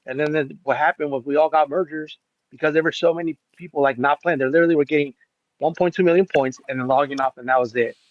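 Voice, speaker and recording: A man's voice: a little high, fairly even intonation, fast talker, no room sound. A man explaining insistently during a casual stream chat, heard through a dull lo-fi microphone. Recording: dull dry lo-fi mic.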